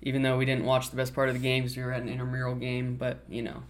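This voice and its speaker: A young man co-hosting a casual sports podcast, recapping the game in a steady run of facts and laughing it off. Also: medium pitch, very fast. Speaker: podcast co-host. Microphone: one camera shared by three.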